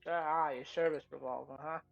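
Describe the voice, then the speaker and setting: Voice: mid-range voice, steady tone, moderate pace, creaky, muffled recording. A tabletop role-play player thinking aloud, rambling through theories in character.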